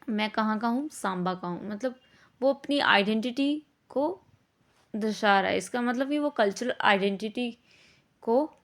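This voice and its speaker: A female teacher with a medium-pitched voice explains a lesson informally and conversationally. She mixes English words into her speech and keeps checking understanding with short tag questions.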